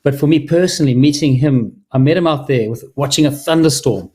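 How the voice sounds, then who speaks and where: A middle-aged man speaks, telling an audience about his passion for a film project. His voice sits at an ordinary middle pitch. He sounds eager and heartfelt, and he often restarts his sentences. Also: a little mellow. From Zimbabwe. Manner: enthusiastic, heartfelt, with many restarts. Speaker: filmmaker presenting his film. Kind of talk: earnest personal talk to an audience.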